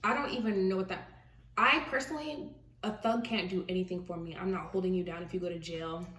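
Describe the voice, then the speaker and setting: A woman's voice: fairly low pitch, a little fast, a bit bright. A young woman hosting a channel, chatting casually and animatedly over a mukbang, often laughing as she talks. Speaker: channel host. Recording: echoey room, distant mic, faint hiss.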